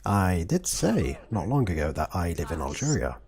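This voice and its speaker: Animated streamer calling team strategy. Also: male voice, deep voice, moderate pace, gravelly. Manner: directive, explaining strategy to teammates. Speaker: streamer and team shot-caller. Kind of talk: live gameplay commentary and team callouts.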